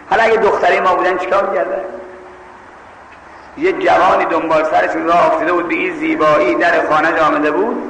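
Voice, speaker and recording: A man's voice: a little high, flat delivery, vocal fry, fairly bright tone, a little hiss or hum. A man with a Mashhad accent preaching a sermon, telling a story and scolding his listeners emphatically. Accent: Mashhad Persian. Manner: emphatic, scolding, acts out voices. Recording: echoey hall with long reverb, faint ambience.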